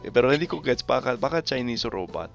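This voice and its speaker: A man in his twenties from Canada chatting casually in choppy, deliberate phrases, with a non-native Tagalog accent. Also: medium pitch, expressive, gravelly, soft background music. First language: English. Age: 20s. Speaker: video maker talking with strangers online. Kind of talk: casual chat.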